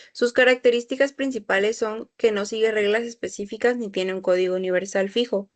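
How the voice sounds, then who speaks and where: A woman giving a class presentation, reading steadily from slides and listing terms. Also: mid-range voice. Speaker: student presenter.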